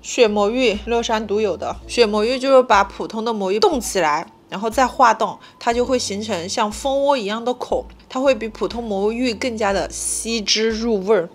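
A woman's voice: on the high side, normal speed, few pauses, slight background noise. A young woman food vlogger giving casual, enthusiastic and emphatic commentary as she eats in a small room. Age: young adult. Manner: enthusiastic, emphatic with repeated words; talks while eating.

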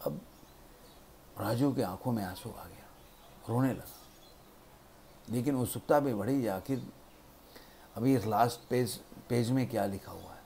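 A man telling a moral story in a plain, conversational way, with pauses, as host of his own channel. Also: mid-range voice, gravelly, dark tone, a little hiss or hum.

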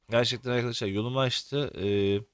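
Recorded with no echo, a young man with a mid-range, slightly bright voice talks over his video game session. As a let's-play commentator, he cracks jokes and curses at the on-screen characters.

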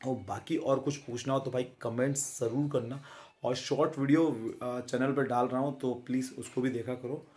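A fitness vlogger, a man in his thirties, chats casually about fitness straight into the camera in a friendly way, often pausing with filler sounds and tag questions. His voice is medium-pitched, steady and somewhat dark. He's recorded on a phone held close in a small room.

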